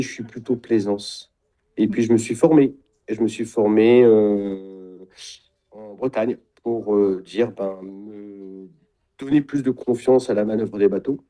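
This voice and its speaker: A middle-aged man, a guest in an interview, talking in a reflective way and often pausing to search for words. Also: fairly low pitch, mellow. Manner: describes himself as introverted. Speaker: guest, sailing retreat founder. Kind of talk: casual interview talk.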